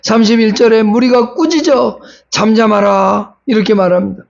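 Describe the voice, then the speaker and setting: A man's voice: high voice, normal speed, gravelly, a little mellow, lo-fi sound. A man preaching a sermon as pastor, asking his congregation rhetorical questions and building urgency.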